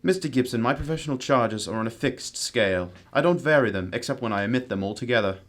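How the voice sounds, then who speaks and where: A man playing a composed, courteous, analytical gentleman detective with a formal, measured manner in an amateur radio drama. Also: mid-range voice, expressive, lightly acted. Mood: courteous, firm.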